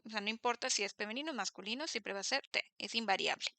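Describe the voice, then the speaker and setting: A woman teaching English grammar in class, explaining patiently, slowing down to model example words and often checking that students follow. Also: mid-range voice, creaky, sharp tone, no echo. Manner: patient, keeps checking understanding with tag questions.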